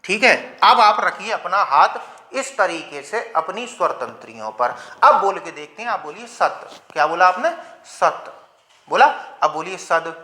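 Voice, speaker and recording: A man's voice: sits high, big pitch swings, moderate pace, pushed and bright. A male grammar teacher lecturing to his viewers. He asks rhetorical questions, answers them himself, and leads them through pronunciation drills. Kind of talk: classroom-style lecture.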